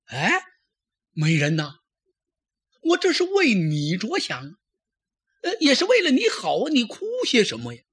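A blustering old chancellor who drawls slowly and coaxes with gruff, husky tones. He is lecherous and used to power, as a man telling a traditional story puts him on. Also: high voice, wildly swooping pitch, fairly bright tone, pitched above the performer's own voice, full character voice. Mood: placating.

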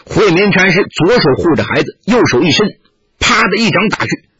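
A man narrating a martial-arts story with an expressive, dramatic delivery, on a dull lo-fi recording. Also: high-pitched, normal speed, husky.

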